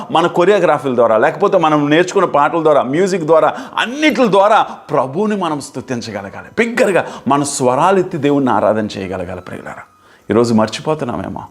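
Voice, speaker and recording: A man preaching a fervent sermon as pastor, building emphasis through repeated phrases. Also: a little high. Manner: fervent, repetitive preaching, rising and falling emphasis.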